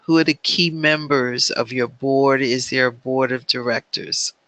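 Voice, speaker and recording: A man teaching an online business planning class, speaking in a measured way with frequent filler ums. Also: medium pitch, steady tone, pushed and bright, no echo.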